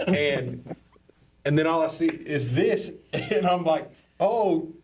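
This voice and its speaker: A man chatting casually on a podcast, animated and laughing through stories. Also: on the high side, slow pace, music in the background. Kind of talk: casual chat.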